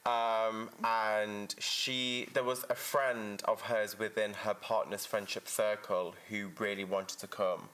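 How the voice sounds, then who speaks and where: A man's voice: on the low side, level tone, slow pace, hardly any pauses, fairly bright tone, slight background noise. A man co-hosting a podcast, telling stories and joking in casual chat. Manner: playful, jokey storytelling. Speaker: podcast co-host.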